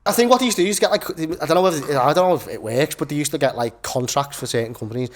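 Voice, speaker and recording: A man's voice: a little high, fast. Rambling man, podcast guest. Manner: rambling, lots of filler words. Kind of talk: casual chat.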